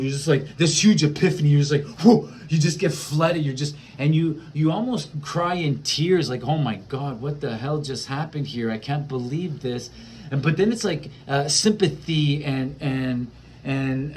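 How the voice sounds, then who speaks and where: A man's voice: a little high, slight background noise. A man talking casually and at length about spiritual experiences, rambling with many fillers and restarts. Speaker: spiritual vlogger.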